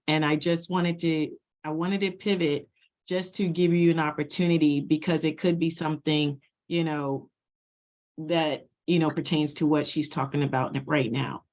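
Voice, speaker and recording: A meeting host paraphrases the guest's point in a hesitant way, with many fillers, before passing the floor to an attendee. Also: medium pitch. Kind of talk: moderating a virtual meeting.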